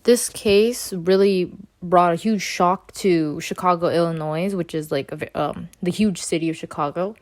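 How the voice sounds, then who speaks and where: Young woman, lowish voice, student presenter, talks haltingly with fillers and restarts. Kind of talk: unscripted case summary.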